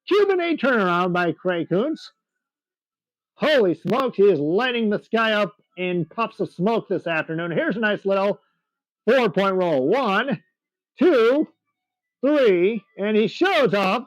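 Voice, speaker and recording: Excitable high-voiced man commentating an air show. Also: measured pace, no echo, highs cut off. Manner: excitable, chatty, laughs often.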